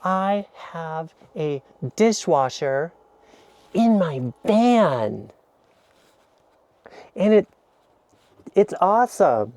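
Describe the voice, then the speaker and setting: This vlogger's voice sits high with a darkish tone and no echo; he talks in a sing-song way, drawing out words and leaving long pauses. Filming on an action camera, he gives a rambling, self-deprecating, chatty walkthrough of the kitchen in his camper van.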